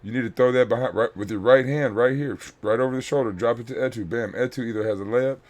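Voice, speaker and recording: A man's voice: medium pitch, fast, darkish tone. A man coaching a youth basketball team, breaking down game film for his players in a blunt, instructive way and repeating key points.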